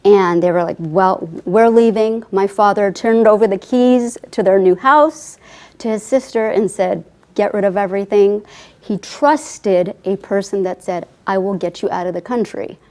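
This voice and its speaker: A woman in her forties, born in Afghanistan and a native Farsi speaker, tells her life story as an author guest in an interview. She speaks earnestly and from the heart at normal speed, in a mid-range voice with a darkish tone, often saying "I mean".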